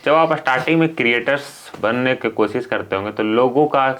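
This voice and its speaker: A man's voice: mid-range voice, a little fast, a bit bright. A man hosting a casual podcast, asking respectful questions. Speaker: podcast host.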